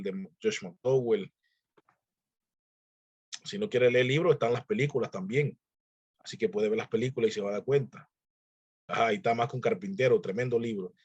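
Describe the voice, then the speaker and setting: A man's voice: mid-range voice, a little mellow, breathy edge, highs cut off. A man teaching a church discipleship class, earnestly exhorting his listeners in a conversational preaching manner.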